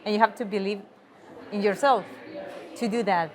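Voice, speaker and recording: A woman's voice: mid-range voice, fairly even intonation, moderate pace, a faint crowd, a little hiss or hum. A Chilean woman, a native Spanish speaker, conducts a conference interview in English. She speaks thoughtfully and sometimes searches for the right word. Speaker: interviewer, TV journalist.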